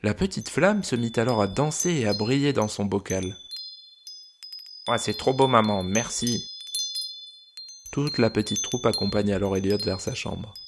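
A man narrating a children's bedtime story in a calm, gentle reading voice. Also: on the low side, a little fast, hardly any pauses, noisy background.

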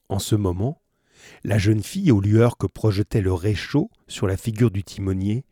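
A man reading a novel aloud, steady narration broken by playful, joking asides to his listeners. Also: on the low side, breathy edge, no echo, studio quality. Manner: playful, breaks off to joke and comment. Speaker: audiobook reader.

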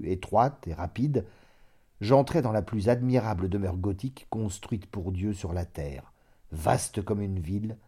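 A man reading a literary story aloud in a measured, dramatic narration. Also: on the low side, dark tone, slightly rough. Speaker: audiobook narrator.

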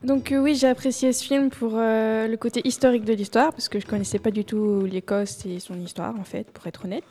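A woman's voice: fairly high pitch, fairly even intonation, fairly quick, mellow, faint music behind. A woman giving her opinion as a guest in a casual film discussion.

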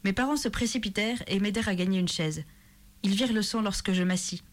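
A woman reads a novel aloud in the first person, steady and measured. Her voice sits at a middle pitch, calm and even in delivery. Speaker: reader. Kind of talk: literary reading in first person.

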